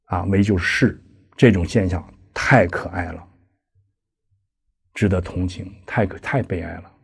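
A man's voice: sits low, a little slow, vocal fry, breathy edge. A man giving a lecture, explaining a classical text line by line with conversational asides and rhetorical questions. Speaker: lecturer on Buddhist practice. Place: lecture hall.

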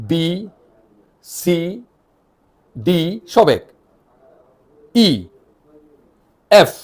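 A man teaching an online language lesson, spelling out letters one by one and drilling their sounds, often asking questions and answering them himself. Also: a little high. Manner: animated, spells letters out slowly with repeated drills.

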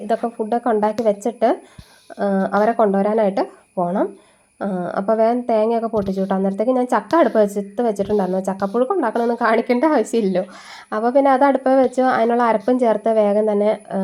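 Woman, 30s, stuffy nasal voice from a cold, rapid homely chatter, cooking vlog. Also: fairly high pitch, warm tone. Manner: chatty, homely, explains each step. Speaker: home cooking vlogger. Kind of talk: casual chat while cooking.

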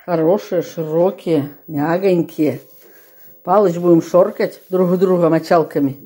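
Holding her phone, an older vlogger chats to herself in a folksy, rambling way, exclaiming often and using playful diminutives. Her voice is warm and husky, steady and a little slow, with no room sound. Scenes shift from a shop and a bus to a snowy street and a flat, with noise and vehicle rumble in the handheld recording.

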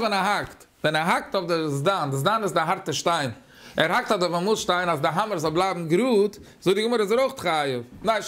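A man with a Yiddish accent teaching a Talmud class, talking haltingly, repeating words and using many fillers. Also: on the high side, fairly bright tone.

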